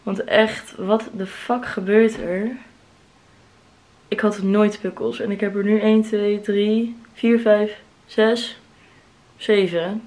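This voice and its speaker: A woman in her twenties, chatty and excitable, talking casually into a handheld camera in her bedroom. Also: mid-range voice, slow pace, low-quality recording. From Netherlands. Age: 20s. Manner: chatty, excitable, mixes in English phrases. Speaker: vlogger. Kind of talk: casual vlog chat. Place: bedroom at home, indoors. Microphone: handheld camera close up.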